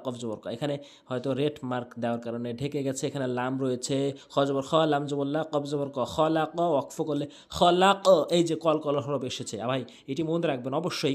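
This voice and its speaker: A man teaching Quran pronunciation in a tutorial, drilling each sound slowly and repeating it with an earnest, coaching tone. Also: on the high side. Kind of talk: tutorial lesson.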